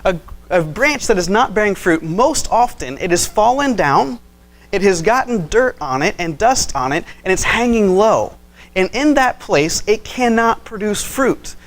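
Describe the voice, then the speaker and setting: A man's voice: high voice, expressive, a little slow, fairly bright tone. A man preaching a conversational sermon. He tells stories with animation and acts out the people he quotes, with frequent fillers and restarts. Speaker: pastor.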